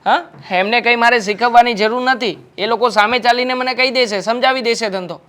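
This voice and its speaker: A man's voice: very high voice, steady tone, brisk, bright, forceful tone. An actor playing a carefree young husband who brushes off his wife's complaints in a short drama film. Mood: defensive. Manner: defensive, coaxing. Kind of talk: Gujarati short film acting.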